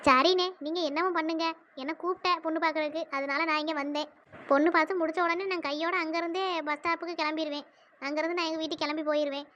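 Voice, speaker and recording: High squeaky cartoon auntie, fast scolding, dull lo-fi sound. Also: steady tone, bright, forceful tone, a little hiss or hum. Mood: complaining. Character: indignant middle-aged village woman, the sister. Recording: dull lo-fi audio.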